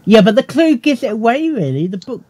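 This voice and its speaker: A man's voice: very high-pitched, big pitch swings, a little fast, mellow. A man in casual commentary chat, inquisitive and asking many questions. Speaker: co-host reviewing a cartoon episode.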